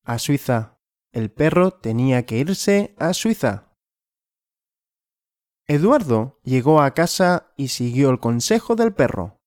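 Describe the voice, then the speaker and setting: Slow, animated male language teacher. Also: medium pitch, dry recording, clean studio sound. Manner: slow, clear and repetitive, asking and answering his own questions. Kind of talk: question-and-answer story lesson.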